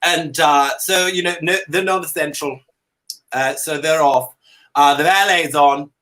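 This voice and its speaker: Joining a talk show by video call from home, this Canadian man does drag comedy in the guise of a showy, affected dandy, his phrasing hesitant as he jokes. He sounds on the high side and sharp, speaking at a measured pace.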